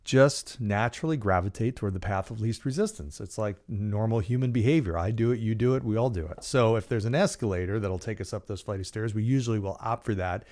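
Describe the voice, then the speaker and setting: A man in his forties runs a solo leadership podcast from a small studio lined with dark acoustic panels. His fairly low voice is brisk with hardly any pauses, and he keeps things casual, joking and gesturing animatedly with his hands. He speaks into a large condenser mic set in front of him.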